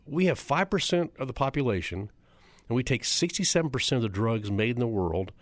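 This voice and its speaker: A man's voice: medium pitch, expressive, brisk, no room sound. Emphatic man giving a talk. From United States. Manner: emphatic, repeats figures for effect; rhetorical questions to the audience. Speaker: chiropractor. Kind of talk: public talk.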